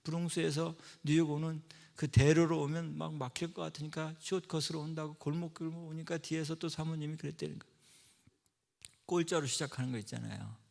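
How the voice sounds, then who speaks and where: A middle-aged male pastor preaching a sermon, telling stories and acting out quoted voices, swinging from loud outbursts to soft whispers. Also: a little high, steady tone, fairly quick, creaky. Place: church sanctuary. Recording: long church-hall reverb.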